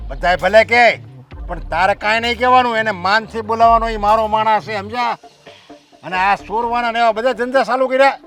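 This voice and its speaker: A man's voice: sits high, brisk, fairly bright tone, soft background music. An actor playing a proud, domineering village headman who talks in a stern, commanding way. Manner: stern, commanding, pronounces sentences. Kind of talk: village family stage drama.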